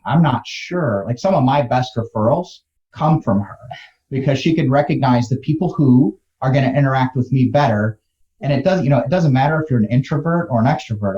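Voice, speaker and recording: Mellow, dark-toned man on lo-fi audio. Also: medium pitch. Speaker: business guest. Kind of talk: casual conversation.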